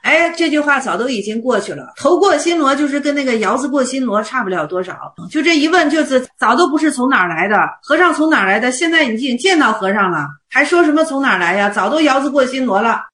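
Woman Buddhist teacher, high voice, casual lecturing tone. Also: quick pace, hardly any pauses, echoey room. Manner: colloquial, lively explaining. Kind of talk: lecture on Zen texts.

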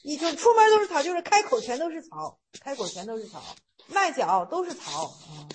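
A woman's voice: sits high, sing-song, brisk, a little hiss or hum. A woman giving an informal talk on Zen koans, retelling the story loosely and often repeating phrases as she explains.

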